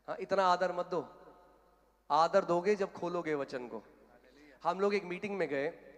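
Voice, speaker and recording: A blunt, straight-talking pastor from India preaches a sermon with a fairly high voice. His words ring out with a long reverb, as in a large hall. He builds from plain talk to fervent, loud calls. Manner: blunt and direct, rising to fervent shouting.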